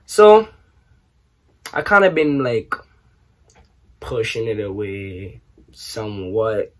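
A young man from New York, raised partly in Trinidad, answering questions in a casual vlog, animated and joking with lots of slang. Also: on the low side, slow pace. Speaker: YouTuber. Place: small bedroom, indoors.

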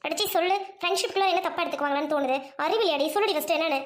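A brash young college girl, put on by a woman who scolds and waves things off. She speaks in a bossy, deeper voice than the performer's own. It is an audio drama scene. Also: very fast. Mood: urgent. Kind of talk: Tamil audio drama acting.

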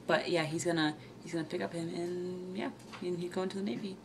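A woman's voice: fairly low pitch, steady tone, a little fast, slight background noise. A young woman from Michigan chatting casually in a vlog, giggly and talkative. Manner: giggly, chatty, laughs often. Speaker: vlogger.

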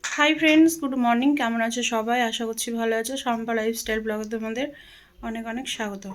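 A middle-aged Bengali woman vlogs casually from home, rambling and chatty with plenty of fillers and pauses. She's a little out of breath after walking, and her fairly high, even-toned voice carries a faint hiss or hum.

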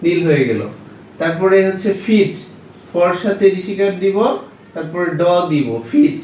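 A man's voice: high voice, a little slow, darkish tone, slight background noise. A man teaching a shorthand class, patiently walking through each step and asking his listeners questions as he writes. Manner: patient, repeats steps with quiz-like questions. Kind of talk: classroom lesson. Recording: echoey room, voice far from mic.

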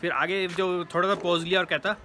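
A man's voice: high voice, steady tone, fairly quick, sharp tone, a little hiss or hum. A young man chatting casually to his viewers in a vlog, talking straight to the camera and teasing the people around him. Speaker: vlogger.

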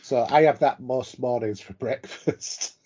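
A man's voice: medium pitch, a little slow, mellow, a little hiss or hum. A man, chatting casually as a podcast co-host and cracking dry jokes. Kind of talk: casual chat. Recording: dull lo-fi podcast audio.

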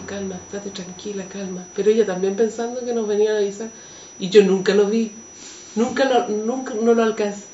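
A Chilean woman talks with strong feeling as she tells her own story and slips into the voices of the people in it. She sits away from the mic in a roomy space. The sound is muffled, with steady noise underneath. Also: a little high, distant mic. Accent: Chilean Spanish. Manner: emotional, vivid storytelling that acts out the voices of others. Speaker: interviewee. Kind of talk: personal testimony.

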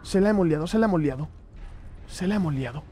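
A man's voice: a little high, expressive, fast talker, mellow, a little hiss or hum. A young man talks through a horror game for his viewers. He sounds nervous and jumpy, repeating himself over and over when the scares hit. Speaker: gaming streamer. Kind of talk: casual horror gameplay commentary.

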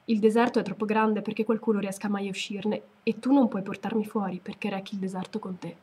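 A woman's voice: mid-range voice, fairly even intonation, fast, warm tone, breathy edge. A woman reading as an eager young boy. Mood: earnest. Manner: questioning, eager.

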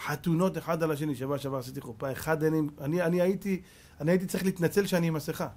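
Husky-voiced rabbi preaching animatedly. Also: male voice, fairly high pitch. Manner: animated, rhetorical questions, scolding. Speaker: rabbi giving a lecture. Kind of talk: Torah sermon.

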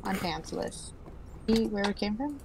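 A young woman chatting while gaming, excitable and giggly, quick to plead and panic. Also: medium pitch, gravelly, noisy background. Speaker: co-player. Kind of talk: casual gaming chat.

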